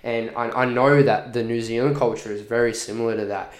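A man's voice: medium pitch, fairly even intonation, brisk. Man in an echoey room. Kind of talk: casual podcast conversation.

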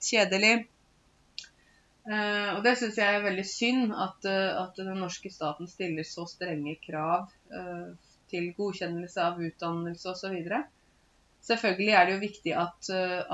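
Lady teaching words, kinda low voice, lots of ehs, bit dull lo-fi sound. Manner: explains words slowly, many fillers. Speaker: Norwegian language teacher. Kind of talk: casual spoken language lesson.

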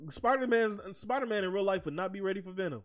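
A man's voice: sits high, lively intonation, fast talker, soft background music. An American man hosting a casual podcast with friends, slangy and insistent, repeating phrases for emphasis. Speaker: podcast host.

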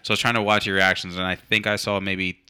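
A man's voice: deep voice, little pitch movement, quick pace, sharp tone, clean tone, dry recording, clean studio sound. A man co-hosting a podcast, chatting casually. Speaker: podcast co-host. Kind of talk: casual chat. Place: studio.

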